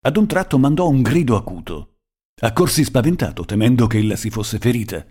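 A man narrating a short story in a measured, expressive reading. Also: mid-range voice, slightly rough.

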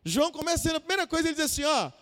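Male preacher, very high voice, fervent shouted refrains, long church reverb. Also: expressive, very fast. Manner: repetitive, building to shouted refrains. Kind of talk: fervent evangelical sermon.

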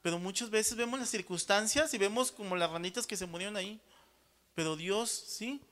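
A man's voice: high-pitched, a little fast, a bit bright. A man preaching a sermon, often calling the congregation brothers and checking in with them after each point. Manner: addresses listeners as brothers.

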